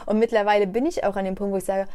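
Young woman, podcast co-host, casual reflective chat, lively when telling stories. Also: mid-range voice, rapid-fire, slight background noise. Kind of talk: casual conversation.

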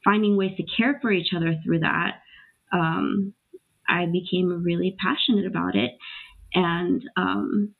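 Young woman guest, thoughtful and halting, gravelly voice, sounds like a phone line. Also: lowish voice, steady tone. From Peru, raised in Los Angeles. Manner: reflective, many fillers and restarts. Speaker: guest, racial equity educator. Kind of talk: casual interview talk.

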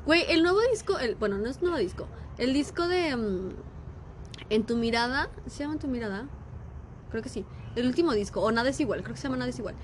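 Lively laughing Mexican woman host. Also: fairly high pitch, quick pace, slight background noise. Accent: Mexican Spanish. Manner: slangy, laughs a lot, animated. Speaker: podcast host. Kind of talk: casual chat.

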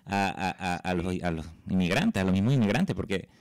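Low, smooth-voiced host. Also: male voice, expressive, normal speed, no echo, clean studio sound. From Venezuela. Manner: hesitant, repeats words while searching for them. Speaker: podcast host. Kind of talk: casual interview.

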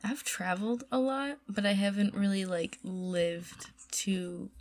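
Casting: laid-back woman, unhurried delivery, gravelly fry in the voice, casual co-host. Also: medium pitch, fairly even intonation. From northern US. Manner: laid-back, brief replies, laughs often. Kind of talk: casual chat.

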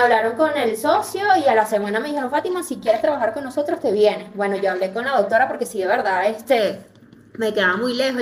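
A woman from Venezuela with a Venezuelan Spanish accent, telling her own story as a podcast guest in a lively way, acting out the voices she quotes. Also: on the high side. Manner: lively, acts out quoted voices, many fillers. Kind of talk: animated personal storytelling. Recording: roomy, distant mic.

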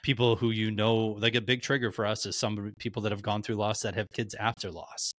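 A man hosts a podcast with a low, bright, forceful voice. He talks candidly and loosely, swearing without a second thought. The sound is dry and close. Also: little pitch movement, a little fast, no echo. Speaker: podcast host. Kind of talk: casual podcast chat.

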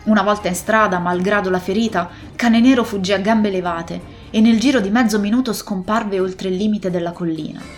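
A woman's voice: medium pitch, a little fast, few pauses, soft background music. Woman narrating a classic adventure tale. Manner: steady, expressive storytelling. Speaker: audiobook narrator. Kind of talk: scripted narration of a classic novel.

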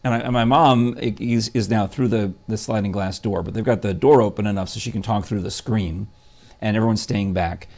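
A man's voice: fairly low pitch, fairly quick, vocal fry, darkish tone. A man hosting a casual morning chat show, talking in a rambling, chatty way with lots of fillers and restarts. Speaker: show host.

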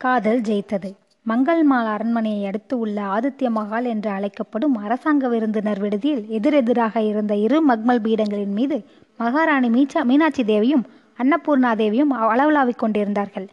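Female audiobook narrator, steady storytelling, slightly high, dull recording. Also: moderate pace.

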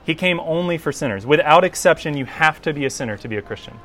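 A man preaching a sermon in a relaxed, conversational, self-deprecating way. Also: on the high side, quick pace. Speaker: pastor.

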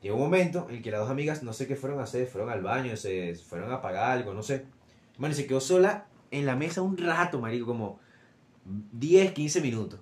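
A young Venezuelan man in quick, slangy, teasing casual chat. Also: medium pitch, expressive, darkish tone. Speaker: podcast co-host. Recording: echoey room.

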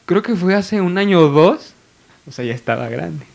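A man's voice: sits high, animated, normal speed, creaky. A young man with a Mexican accent, a podcast co-host telling a family anecdote in casual chat, laughing as he goes.

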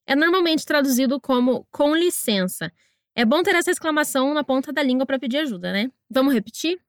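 High-voiced woman teaching English. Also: expressive, no echo, studio quality. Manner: encouraging, slow deliberate pronunciation drills. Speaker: English teacher and podcast host. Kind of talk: scripted language lesson narration.

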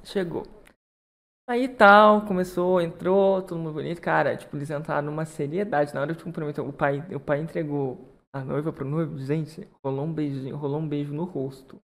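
A man's voice: a little high, a little fast, gravelly. Man telling a funny story. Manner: animated anecdote-telling, laughing often. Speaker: wedding photographer. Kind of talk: casual storytelling chat.

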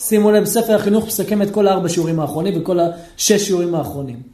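A man, a rabbi, teaching a lively Torah lesson, questioning his listeners and acting out shouting people. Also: high voice, reverberant. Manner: animated, asks the audience questions, acts out shouting people.

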